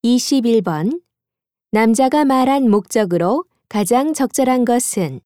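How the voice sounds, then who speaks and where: Female test announcer, rapid-fire and a bit high-pitched. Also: lively intonation, warm tone, no echo, clean studio sound.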